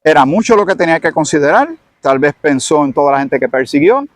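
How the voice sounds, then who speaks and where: A man's voice: a little high, expressive, fairly quick, no echo. A man teaching from the Bible in a sermon style, retelling the scene dramatically and acting it out. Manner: dramatic storyteller who acts out the scene.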